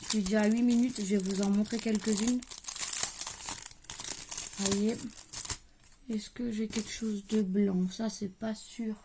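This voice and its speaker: With a steady mid-range voice, a young woman talks a little slowly and pauses often against a noisy background. She's casually going through a craft haul on camera at home, seated on a creaky chair at her craft table, thinking aloud and sometimes trailing off. A light regional French-speaking accent colors her speech.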